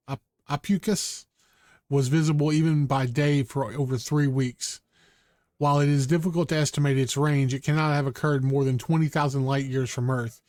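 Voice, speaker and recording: Here a male streamer offers casual let's-play commentary, chatty and wry, musing out loud while he explores the game. He speaks at medium pitch with a darkish tone, recorded dry in a clean studio.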